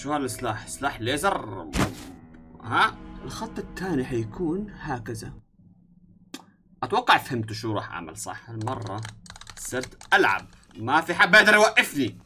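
Wildly animated Levantine gamer guy. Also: medium pitch, fairly quick, long pauses, over music. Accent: Levantine Arabic. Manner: excitable, swings between yelling and muttering to himself. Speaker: gaming YouTuber. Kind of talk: let's-play commentary.

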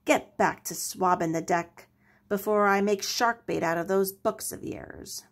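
A woman voicing a gruff, bossy male pirate rabbit captain from a storybook, with blustering commands. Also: mid-range voice, unhurried. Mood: scolding. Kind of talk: storybook character voice.

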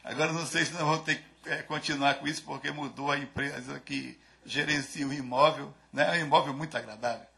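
Older male conference speaker from Brazil, gravelly bright tone, halting delivery, podium mic. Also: fairly high pitch, steady tone. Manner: hesitant, many restarts and fillers. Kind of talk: conference talk. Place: lecture hall, at a lectern. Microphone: podium microphone on a stand.

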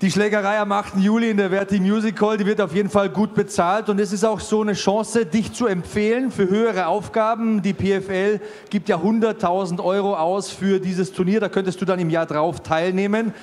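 A man's voice: high-pitched, fairly even intonation, a little fast, few pauses, a little mellow. A man in his forties hosting fight interviews, talking fluently and promotionally into a handheld mic at an indoor fight venue. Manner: fluent, promotional, hype-building. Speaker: host and commentator.

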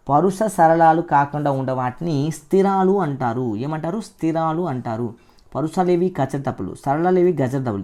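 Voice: medium pitch, warm tone. A teacher giving an exam-prep lecture, repeating each term and quizzing the listener with frequent "right?" checks. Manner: drills terms by repeating them and quizzing the listener; tags points with "right?" checks.

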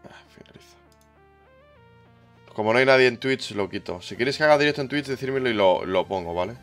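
A young man with a Spain Spanish accent, livestreaming a game in excitable, teasing casual chat. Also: medium pitch, fast talker, soft background music. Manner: excitable, laughs loudly, teasing. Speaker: streamer. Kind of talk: casual live gaming chat.

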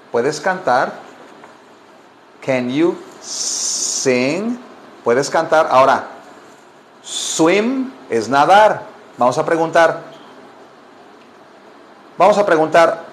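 A man whose first language is Spanish, giving a casual online English lesson and repeating phrases slowly for learners. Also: on the high side, a little hiss or hum. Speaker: English teacher.

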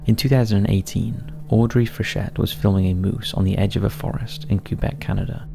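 A man's voice: fairly low pitch, fairly even intonation, a little fast, gravelly, faint music behind. A man narrating a scripted countdown of eerie forest stories in a somber storytelling manner.

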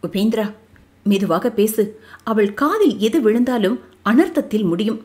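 A woman's voice: on the high side, expressive, moderate pace, a little mellow, close to an everyday voice. A woman voicing a frightened older male guru in an audio novel, speaking in a pitiful, pleading tone.

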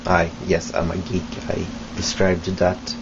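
Recording a casual self-introduction at home, a young Swedish vlogger with a Swedish accent speaks slowly and haltingly into a nearby webcam in a small room, often saying um and restarting his sentences. His voice is very deep and flat, and the muffled lo-fi audio carries a clear, steady hiss.

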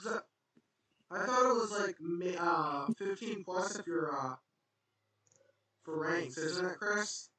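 A man's voice: high voice, lively intonation, slow pace, pauses often, bright, forceful tone. A man in casual voice chat, blunt and defensive, heard through an echoey, distant mic.

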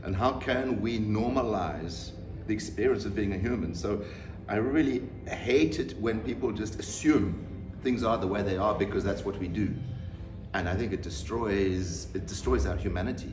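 A man in his fifties from South Africa, an artist answering interview questions in a measured, reflective way with pauses and restarts. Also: lowish voice, music in the background. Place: room with bookshelves, seated in leather armchair. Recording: roomy, distant mic, audible background noise.

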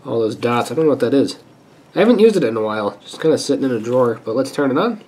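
Stuffy with a sinus infection, this man talks fast in a mid-range voice. Hosting a repair channel, he works through a hands-on fix at an indoor workbench, relaxed and chatty, thinking out loud as he goes.

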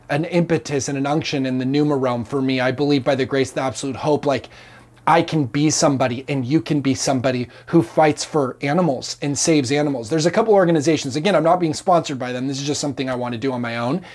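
A man's voice: medium pitch, fast, a little mellow. Earnest man preaching to camera. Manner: earnest, emphatic, gesturing widely. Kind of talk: impassioned teaching to camera. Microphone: lapel mic.

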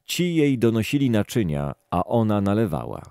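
A man reading scripture aloud in a calm, even, measured manner. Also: fairly low pitch, gravelly, clean tone, dry recording, studio quality. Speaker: scripture reader.

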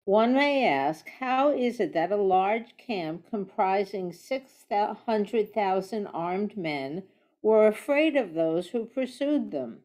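A woman's voice: mid-range voice, animated, slow, a little mellow. A woman in a virtual study group, reading a commentary aloud carefully over a video call.

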